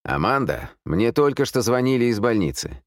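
A man's voice: medium pitch, very animated, moderate pace, no room sound, studio quality, voice pushed up, lightly acted. A man doing a cold, stern police sergeant. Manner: cold, official, pressing.

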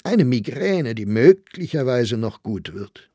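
A man's voice: medium pitch, sing-song, slow pace, mellow, slightly rough, no room sound, studio quality, full character voice. A man voicing a nervous young man who defensively insists and protests in a storybook. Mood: protesting.

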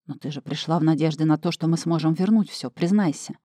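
A woman reading the part of a smooth-talking, possessive husband in an audiobook, her voice lowered and quieter. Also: fairly quick, no room sound, clean studio sound. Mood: coaxing.

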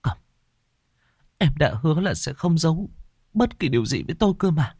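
A man performs a full character voice of a desperate young mother urgently demanding answers, pitching it above his natural voice. The delivery is sing-song, moderately paced, darkish and slightly rough, captured in studio quality without echo.

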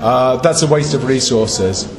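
An English man, an interpreter, giving feedback in a group discussion, pausing with many ums as he thinks aloud. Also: medium pitch, crowd noise. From England. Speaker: conference interpreter.

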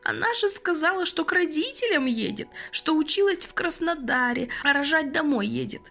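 Female reader voicing a lively, high-pitched old man, soft-hearted and quick to tear up, in an audiobook. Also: vocal fry, faint music behind, exaggerated voice. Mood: tearful. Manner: tearful, fussy, exclamatory. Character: kindly, emotional old man, a retired train conductor.

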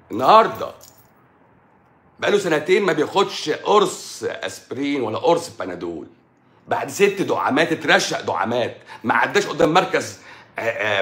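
Speaking in a fairly high, fairly bright voice, a middle-aged man with an Egyptian Arabic accent, a doctor, argues combatively during a live stream. He shoots out rhetorical questions, and the room echoes.

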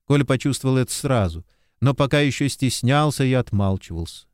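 A man narrating an audiobook in an expressive, measured storytelling voice, recorded close to the mic. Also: medium pitch, dry recording. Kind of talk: scripted narration.

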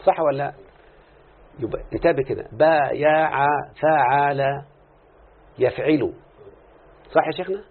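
In a tinny, phone-quality recording, an Arabic morphology teacher with an Egyptian accent walks through a grammar lesson, questioning his class and coaxing out their answers. He has a somewhat high voice and an unhurried delivery with frequent pauses.

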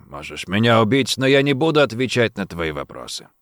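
A furious, blustering colonel hurls threats in a raised, seething voice, as a man puts him on. His pitch swings wildly. The sound is close and dry. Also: big pitch swings, brisk, fairly bright tone, clear, resonant tone, no echo. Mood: defiant. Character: furious blustering middle-aged male colonel.

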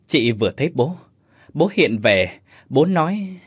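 A man's voice: mid-range voice, sing-song, a little slow, slightly rough, no echo, clean studio sound. A frightened young woman, as a male storyteller puts her on asks anxious, breathless questions in a spoken ghost story. Her voice jumps up and down.

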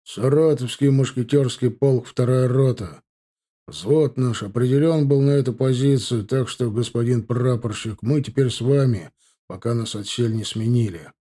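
A man voicing a grizzled older veteran sergeant in an audiobook, gruff, low and matter-of-fact. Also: moderate pace, dark tone, natural voice. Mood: steady. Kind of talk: audiobook character voice.

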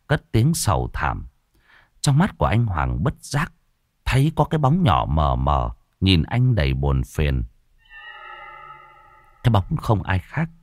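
A man narrating a ghost story in an expressive, dramatic way. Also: deep voice, no echo, studio quality.

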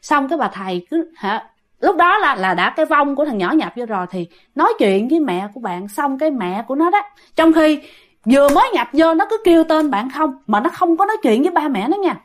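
A woman's voice: sits high, big pitch swings, brisk. A woman with a Southern Vietnamese accent telling a ghost story in a chatty way, often addressing her listeners. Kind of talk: casual storytelling.

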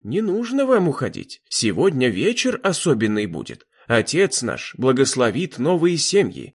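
A man voicing a sly, evasive old village elder who speaks slowly in a folksy, smiling way. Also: mid-range voice, huge pitch swings, breathy edge, heavily acted.

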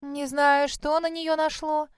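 A woman voicing a chatty, fussy middle-aged lady who talks high and effusively. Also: level tone, slow pace, no room sound, studio quality. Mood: gushing.

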